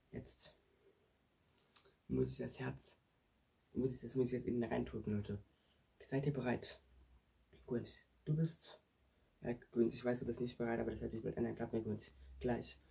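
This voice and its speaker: An excitable male vlog host talks straight to his viewers with a gravelly edge. His tone is deeply husky, almost airy, at a middle pitch. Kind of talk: staged real-life prank vlog.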